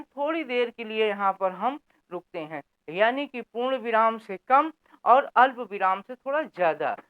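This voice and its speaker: A man's voice: sits high, clean tone. Man teaching grammar over a thin phone-like line. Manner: repeats "theek na" checking in, asks and answers own questions. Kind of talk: explanatory lesson. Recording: phone-like narrow band.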